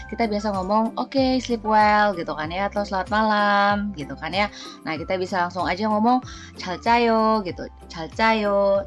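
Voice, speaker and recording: A woman giving a casual language lesson as a vlogger, chatting along and repeating example phrases slowly and brightly. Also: lowish voice.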